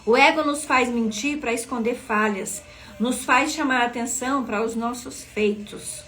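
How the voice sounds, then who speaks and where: Woman, devotional teacher, earnest, questioning her listeners, slightly high voice, soft music under her. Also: a little slow. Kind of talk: devotional teaching reading from a book.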